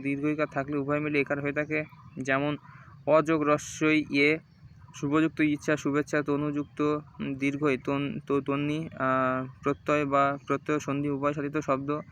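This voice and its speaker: Guy tutoring through exam questions, flat slightly high voice, lots of ums, faint hiss behind. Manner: hesitant, many ums and restarts.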